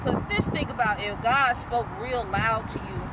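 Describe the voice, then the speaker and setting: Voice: medium pitch, normal speed. A vlogger giving a casual spiritual pep talk, rambling and repeating themself in slangy, earnest speech, recorded outdoors near traffic. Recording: distant mic with loud street noise.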